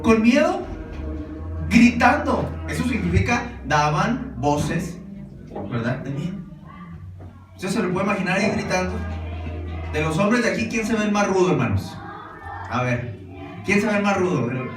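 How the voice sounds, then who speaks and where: A high-voiced man preaches to his congregation. He talks in a relaxed, conversational way, asking questions and repeating "brothers." The sound is roomy and distant, with music in the background. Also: moderate pace, long pauses. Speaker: pastor. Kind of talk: sermon. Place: church hall. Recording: roomy echo, distant mic, music behind.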